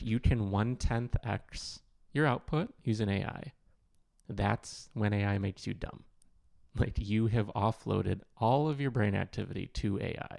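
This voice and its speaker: A man's voice: on the low side, gravelly, a little mellow, no room sound, studio quality. A man co-hosting a podcast in casual chat, explaining ideas through analogies with lots of "like". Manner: explains with analogies, many "like" fillers. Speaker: podcast co-host.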